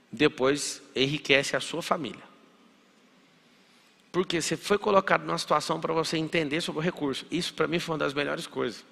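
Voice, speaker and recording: A man's voice: on the high side, vocal fry, a bit bright. A man with a Brazilian Portuguese accent giving a punchy motivational lecture, firing rhetorical questions. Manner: punchy, acts out dialogues, fires rhetorical questions. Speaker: motivational speaker. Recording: echoey hall with long reverb.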